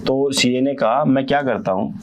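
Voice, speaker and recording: A young man teaching commerce in a casual lecture, acting out a quarrel between business partners and their accountant, and often asking his students quick check-in questions. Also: mid-range voice, a little hiss or hum. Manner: acts out partners' quarrels with a CA in quoted voices. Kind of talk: casual Hindi lecture with playful storytelling.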